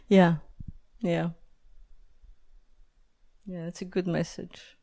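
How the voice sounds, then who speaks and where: A woman's voice: fairly low pitch, lively intonation, drawn-out words, creaky, mellow. A woman from Greece hosting a podcast interview, talking casually with many fillers and laughs. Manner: rambling, frequent fillers and laughs. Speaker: podcast host.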